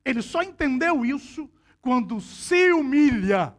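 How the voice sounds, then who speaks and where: A male pastor preaching a sermon, telling a personal story with sudden loud outbursts. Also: very high-pitched, very animated, a little slow.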